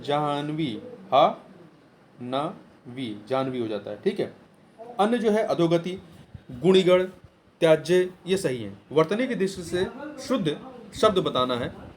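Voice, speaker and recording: A man's voice: a little high, a little hiss or hum. A male teacher going through exam questions one by one, repeating key words and asking and answering his own questions. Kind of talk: explaining Hindi exam answers.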